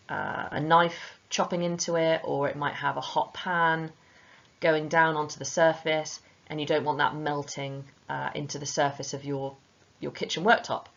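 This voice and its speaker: Female teacher, low and gravelly, informal revision lesson, slightly dull recording. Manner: chatty, informal, addresses students directly.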